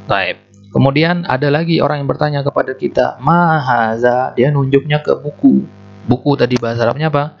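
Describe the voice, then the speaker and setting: A man teaching a beginner language lesson, patient, repeating words and spelling out letters slowly. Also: mid-range voice, fairly even intonation, gravelly. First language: Indonesian. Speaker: Arabic teacher. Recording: muffled lo-fi recording with faint music.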